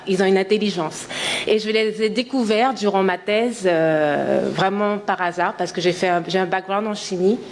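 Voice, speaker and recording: A woman's voice: mid-range voice, darkish tone, slight background noise. Enthusiastic woman from French Guiana at a conference. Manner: earnest, enthusiastic, frequent hesitations. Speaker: entrepreneur giving a conference talk. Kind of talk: conference talk. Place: conference hall.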